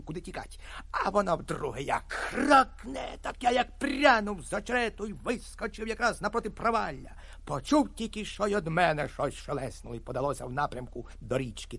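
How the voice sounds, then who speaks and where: Male reader doing a chatty aging hunter, storybook yarn, bright lively delivery, dry close sound. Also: high voice, vocal fry, no echo, exaggerated voice. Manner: lively storytelling, animated exclamations. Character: garrulous 56-year-old male hunter telling a tale.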